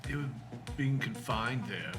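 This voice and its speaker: A man's voice: mid-range voice, animated, measured pace. A man playing a tabletop game, speaking in casual, playful in-character banter. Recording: loud music behind. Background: music.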